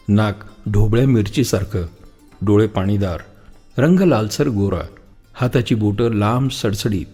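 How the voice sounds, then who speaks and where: Rich: A man narrating a literary story as an audiobook reader, measured and reflective. His voice sits at an ordinary middle pitch for a man, and soft music plays faintly underneath. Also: slightly rough.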